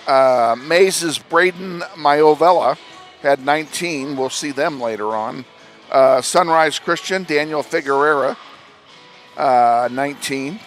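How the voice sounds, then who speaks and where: A man's voice: on the high side, a bit bright. A man with a Midwestern American accent giving an informal pregame tournament recap, with many fillers and self-corrections and slightly out of breath. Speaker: play-by-play broadcaster. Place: school gym broadcast booth.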